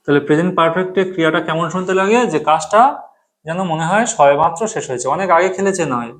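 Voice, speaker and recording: A man teaching an English grammar lesson, speaking slowly and repeating example sentences word by word as if dictating. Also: on the high side.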